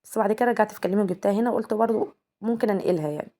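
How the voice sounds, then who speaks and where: A young Egyptian-accented homemaker vlogger speaks rapid-fire in a medium-pitched, dark voice, chatting casually at home and asking the girls watching for their opinion.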